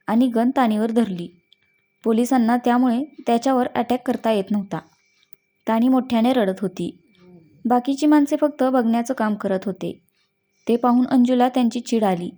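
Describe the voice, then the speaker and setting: Soft-toned woman narrating a story. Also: a little high. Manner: reads all the characters' lines in her own voice.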